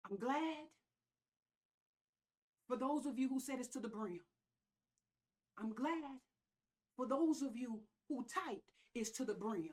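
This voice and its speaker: A woman's voice: on the high side, expressive, slow, long pauses, a little mellow. A woman pastor with a Southern US accent preaching a sermon in an emphatic, folksy way, repeating key phrases. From American South. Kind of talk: church sermon.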